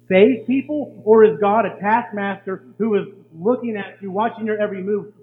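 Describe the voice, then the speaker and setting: A man preaching a sermon as a pastor, teaching with rhetorical questions. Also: high voice. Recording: tinny, hall reverb, faint hum.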